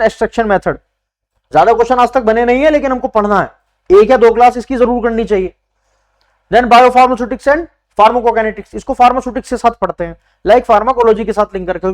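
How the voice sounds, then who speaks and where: High-voiced man giving an emphatic coaching lecture. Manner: emphatic, repeats key points, addresses students as brother. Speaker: exam prep teacher.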